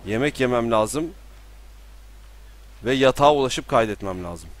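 A man's voice: medium pitch, lively intonation, a little slow. Casual young man streaming a game. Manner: talks to himself, bursts into panicked yelling. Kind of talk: live gameplay commentary. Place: room at home with balcony door open.

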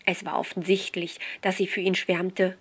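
A woman narrating a short crime story, reading it aloud in a steady storytelling manner. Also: lowish voice, normal speed, slightly rough.

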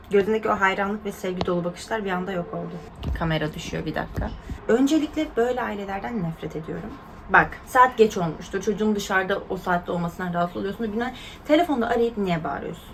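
Fast-talking young woman vlogger. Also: medium pitch, a little hiss or hum. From Turkey. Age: 20s. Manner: lively, exclaiming reactions and asides to viewers. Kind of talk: casual chat reading viewer stories.

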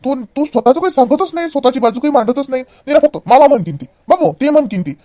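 A man's voice: very high voice, expressive, quick pace, warm tone, no echo. A young man playing an educated nephew in a comedy skit, lecturing insistently.

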